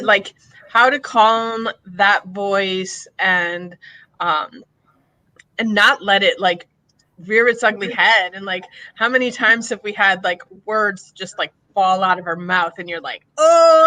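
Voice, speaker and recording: A woman's voice: mid-range voice, slow pace, sharp tone, no echo, poor audio. A woman hosting a live podcast, enthusiastic and chatty, with lots of "like" fillers. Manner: enthusiastic, filler-heavy, says "like" often. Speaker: podcast host.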